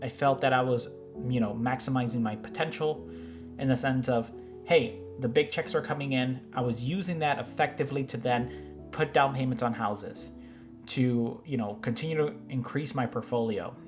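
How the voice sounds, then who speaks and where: Male host in his thirties, mid-pitched, rambling reaction commentary, faint music underneath. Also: moderate pace. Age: 30s. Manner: rambling, with frequent restarts and fillers. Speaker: host reacting to finance videos. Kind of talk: casual commentary.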